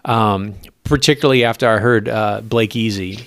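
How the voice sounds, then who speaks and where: A man who works as a radio broadcaster, talking casually as an interview guest, eager and halting with many fillers. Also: fairly low pitch, fairly even intonation, fairly bright tone. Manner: eager, halting, lots of likes and ums.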